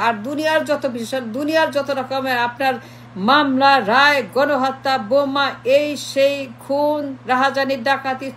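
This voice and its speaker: Woman, high voice, mocking political rant, repeats lists, faint hum behind. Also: a bit bright. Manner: repetitive, mocking lists of insults, switches into English. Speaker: political commentator. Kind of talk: political monologue.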